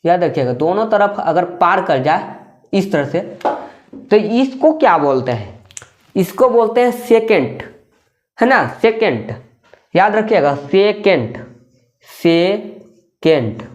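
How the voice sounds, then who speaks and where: In a very animated, medium-pitched voice that runs a little slow with long pauses, a patient maths teacher gives a classroom-style explanation. The teacher keeps repeating key terms, posing rhetorical questions and checking understanding with tag questions.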